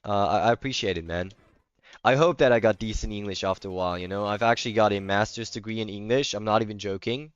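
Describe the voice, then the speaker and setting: A native German speaker with a German accent chats casually while livestreaming a video game and replying to viewer comments. His voice sits fairly low and moves fast, with a clean tone. The audio is dull, with no room sound.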